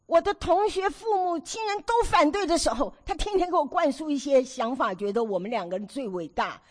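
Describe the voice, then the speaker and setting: A woman in her sixties preaching to a women's meeting, telling stories from her own marriage with animated, theatrical delivery. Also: high-pitched, fairly quick. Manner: animated storytelling, acts out her own past nagging. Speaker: women's ministry speaker.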